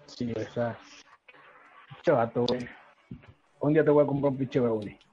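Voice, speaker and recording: Male Mexican guest, mellow tone, slangy storytelling, dull lo-fi call recording. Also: medium pitch, steady tone, moderate pace, slight background noise. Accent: Mexican Spanish. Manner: slangy, says "güey" constantly. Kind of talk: casual chat.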